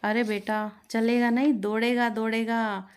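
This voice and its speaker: A woman's voice: fairly high pitch, level tone, unhurried, a little hiss or hum, natural voice. A woman voicing a scheming, gleeful older man who gloats over a rival's trouble. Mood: gloating. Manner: gloating, boastful.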